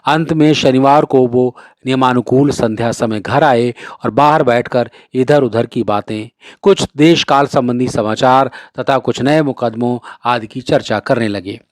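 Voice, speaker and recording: A man's voice: mid-range voice, unhurried, few pauses, no room sound. Man narrating a classic story, dry sound. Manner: steady, expressive narration. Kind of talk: reading a classic short story aloud.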